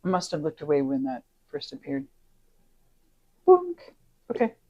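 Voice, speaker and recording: A woman co-hosting a casual commentary podcast, chatty, laughing often and repeating lines deadpan for a joke. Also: low voice, unhurried, muffled recording. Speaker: podcast co-host.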